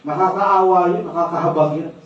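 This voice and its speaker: A high-pitched man preaches in a church, heard from well back in a very reverberant hall. The sound is dull and muffled. He repeats phrases and keeps checking in with a questioning "no?". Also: steady tone, fairly quick, slight background noise. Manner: storytelling, repeats key phrases. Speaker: pastor. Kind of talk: sermon. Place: church sanctuary, indoors. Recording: very echoey hall, distant dull mic.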